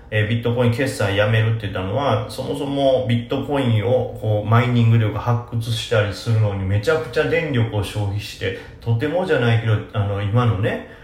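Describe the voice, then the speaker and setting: A man with a Kansai accent hosts a casual podcast, chatting through listener questions. He pokes fun at himself and fills pauses freely. His mid-range voice rings in a roomy space. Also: medium pitch. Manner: relaxed, self-deprecating, many fillers. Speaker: podcast host. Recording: roomy echo.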